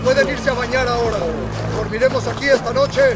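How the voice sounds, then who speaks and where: A stern officer of an ancient slave convoy barks out commands. His voice is pushed extremely high over loud music in a dubbed historical drama. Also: steady tone, a little fast. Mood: commanding. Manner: barked orders. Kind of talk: dubbed period television drama.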